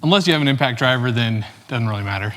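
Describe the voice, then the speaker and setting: A man's voice: mid-range voice, animated, quick pace, big-room sound, heavy background noise. A man casually explaining car work step by step as a DIY vlogger, chatty with dry joking asides. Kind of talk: casual how-to narration. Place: home garage.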